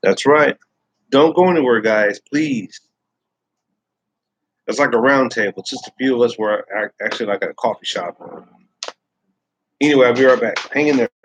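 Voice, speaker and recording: A man's voice: medium pitch, moderate pace, pauses often, slight background noise, rough recording. A man in his thirties hosting a casual live chat, rambling and swearing freely. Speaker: host.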